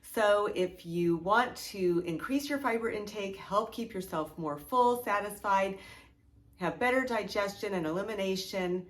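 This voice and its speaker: A woman's voice: medium pitch, a little slow. A middle-aged woman hosting a cooking video, giving friendly, chatty step-by-step instructions. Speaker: cooking show host. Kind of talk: recipe demonstration.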